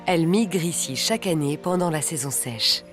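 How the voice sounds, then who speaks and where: A documentary narrator with a medium-pitched voice delivers scripted nature narration. The delivery is measured and articulate, with music playing underneath. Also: animated.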